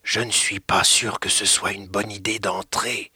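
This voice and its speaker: A man's voice: mid-range voice, moderate pace, bright, forceful tone, dry recording, clean studio sound, lightly acted. A man voicing a timid, easily frightened little boy in a children's story reading. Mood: hesitant.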